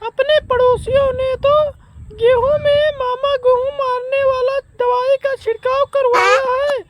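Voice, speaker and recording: A woman's voice: extremely high pitch, level tone, a little slow, heavy background noise. A woman playing a defiant young daughter-in-law. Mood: arguing. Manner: talks back, argumentative. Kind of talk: comedy skit acting.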